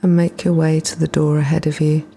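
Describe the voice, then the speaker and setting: A woman leading a guided meditation in a soft, breathy, often near-whispered voice, soothing and gently instructing with unhurried pauses. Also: low voice, level tone, a little hiss or hum. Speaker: guided relaxation practitioner.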